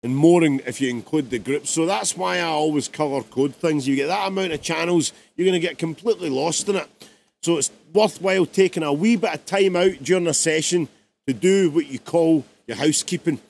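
A man's voice: a little high, fairly quick, vocal fry, a little mellow, slight background noise. A man, a music producer, talks casually through his song in a live-streamed production tutorial, chatty and rambling.

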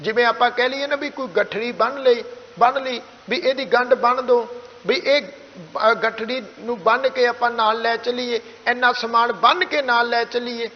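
A man with a Punjabi accent teaching the correct pronunciation of scripture, chanting lines slowly and then explaining them in a soft conversational tone. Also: very high voice, steady tone. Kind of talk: slow, careful recitation and explanation. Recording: dull, slightly lo-fi sound with long reverb.

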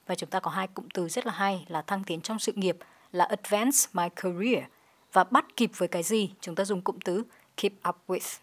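A woman teacher giving an English pronunciation lesson, explaining in Vietnamese and saying the English phrases slowly and deliberately. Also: medium pitch.

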